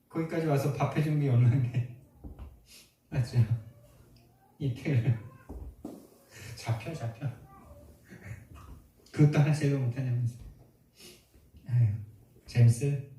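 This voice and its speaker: Brief: male pastor, fairly high voice, emphatic sermon delivery, far from the mic in a roomy echoing church. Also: a little slow, pauses often, warm tone, a little hiss or hum. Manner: emphatic, rhetorical questions to the congregation. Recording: echoey hall from far off.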